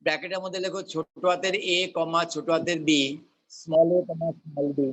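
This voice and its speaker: A man's voice: fairly high pitch, fairly even intonation, fairly quick, rough recording. A male teacher with a Bengali accent dictating to a class word by word, repeating and spelling things out.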